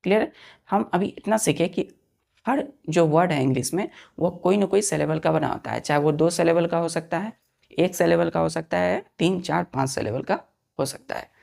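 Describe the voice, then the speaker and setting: Male English teacher, gravelly tone, patient classroom explainer who keeps checking the class understands. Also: a little high, normal speed, a little mellow. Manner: repeats words and quizzes the class often. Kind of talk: classroom lesson in spoken Hindi.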